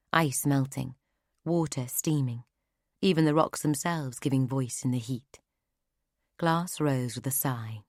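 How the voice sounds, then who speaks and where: Low-voiced woman reading an audiobook. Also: dry recording, clean studio sound. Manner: steady, measured reading. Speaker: audiobook narrator. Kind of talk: scripted narration.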